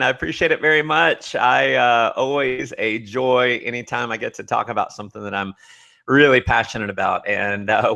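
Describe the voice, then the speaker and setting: A middle-aged man giving a motivational business presentation as a guest on a call, earnest and halting in his delivery. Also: medium pitch, gravelly, bright, forceful tone.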